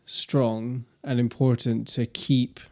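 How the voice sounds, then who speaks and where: A man's voice: medium pitch, level tone, slow, a little mellow. A young man co-hosting a podcast, chatting casually and reflectively with lots of restarts. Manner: reflective, rambling with many restarts. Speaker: podcast co-host. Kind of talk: casual chat.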